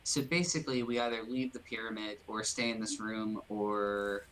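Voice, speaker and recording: A man's voice: on the low side, steady tone, normal speed, a bit bright, a little hiss or hum, rough recording. A man speaking casually as a tabletop player, tentative and hedging his suggestions.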